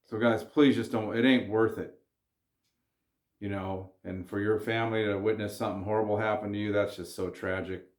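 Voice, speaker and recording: A vlogger with a lowish, slightly mellow voice speaks at normal speed in a steady tone, the audio reverberant. Talking casually to camera, he earnestly urges viewers in slangy, relaxed terms to keep cool.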